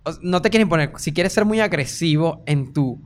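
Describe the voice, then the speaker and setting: A man's voice: a little high, expressive, moderate pace. A man with a Venezuelan Spanish accent, a comedian guest chatting casually on a podcast and choosing his words with care.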